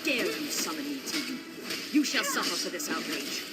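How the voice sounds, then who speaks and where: An actor playing a vile, imperious spirit villain in a fantasy game, haughty and menacing. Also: male voice, high voice, very animated, normal speed. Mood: outraged. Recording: loud music over the voice.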